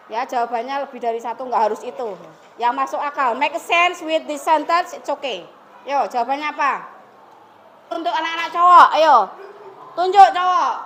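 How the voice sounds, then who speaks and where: A woman's voice: high voice, fairly bright tone, a little hiss or hum. A woman English teacher leading a classroom lesson, coaxing and prompting her students to come forward and answer.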